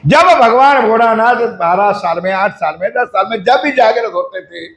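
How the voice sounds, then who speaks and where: A man delivers a devotional sermon in a high voice. He asks his listeners questions directly and slows down to chant mantras. The sound rings around an echoey hall. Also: a bit bright. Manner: addresses the audience directly with questions. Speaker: preacher. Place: ashram hall.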